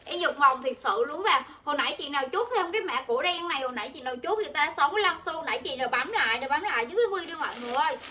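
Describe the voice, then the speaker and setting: A woman's voice: high-pitched, expressive, racing, hardly any pauses, bright, forceful tone, slight background noise. A young woman, chatting nonstop and pushing deals to viewers on a live clothing sales stream. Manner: chatty, pushy, addresses viewers constantly. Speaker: livestream clothing seller. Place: indoors, home shop.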